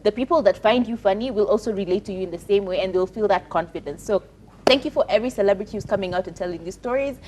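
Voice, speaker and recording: Casting: female talk show panelist, Kenyan accent, average pitch, earnest, emphatic, conversational. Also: rapid-fire, darkish tone, slight background noise. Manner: earnest and emphatic, repeating words and phrases. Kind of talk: conversational personal commentary.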